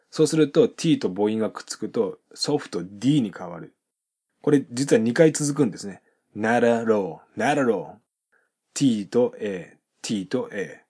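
A man teaching English pronunciation in an explanatory lesson, reading model sentences slowly and carefully between quick explanations with many fillers. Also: mid-range voice, warm tone, slightly rough.

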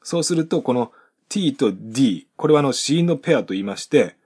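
Husky-voiced man teaching pronunciation. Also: medium pitch, animated, darkish tone. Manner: methodical, breaks sentences into sounds and repeats them slowly. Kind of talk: instructional explanation with example sentences.

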